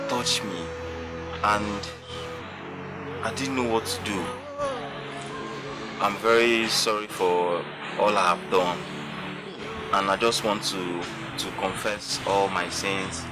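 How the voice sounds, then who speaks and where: A man with a Nigerian accent playing a remorseful young man who haltingly confesses to a priest, over loud music. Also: lowish voice, close to an everyday voice. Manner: halting, earnest.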